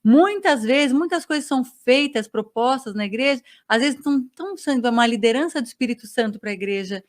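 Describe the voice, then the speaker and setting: Fast-talking woman giving testimony. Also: a little high. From Brazil. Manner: lively storyteller who acts out dialogue. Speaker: podcast guest. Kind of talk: personal faith testimony.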